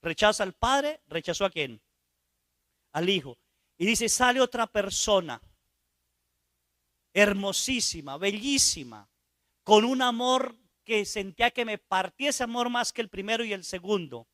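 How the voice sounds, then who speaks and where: A priest delivering a sermon in a high, bright man's voice, recorded close and dry. He tells a story to the congregation, slipping into quiet asides and testing them with rhetorical questions. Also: expressive, measured pace, pauses often, dry recording.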